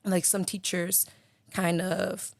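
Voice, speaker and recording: Bahamian woman, low and reflective. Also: flat delivery, slow pace, vocal fry, no room sound. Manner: reflective, filler-heavy speech full of "like". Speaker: podcast guest. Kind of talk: casual conversation. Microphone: studio mic with headphones.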